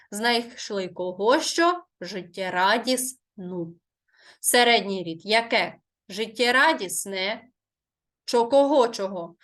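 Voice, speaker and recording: A woman teaching a primary school language lesson. She speaks slowly and carefully, as in dictation, and asks questions that she answers herself. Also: a little high, fairly bright tone. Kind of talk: online Ukrainian language lesson.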